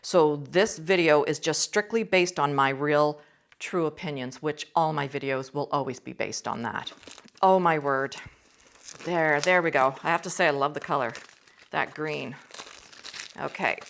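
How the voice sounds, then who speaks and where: A woman hosting an art channel, a teacher reviewing watercolors in a casual vlog, full of excited exclamations. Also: low-pitched, a little slow, creaky. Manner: enthusiastic, gushing exclamations.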